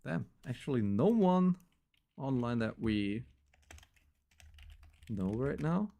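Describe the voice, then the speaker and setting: A man's voice: mid-range voice, very animated, slow pace, creaky, dark tone. Rambling young male streamer. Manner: loose, rambling, filler-heavy. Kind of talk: casual stream sign-off.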